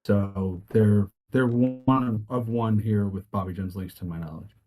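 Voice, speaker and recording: Thirty-something man with a dark, mellow voice. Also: fairly low pitch, steady tone, unhurried. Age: 30s. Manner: easygoing, hesitant with ums. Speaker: golf club general manager, guest. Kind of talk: casual podcast interview.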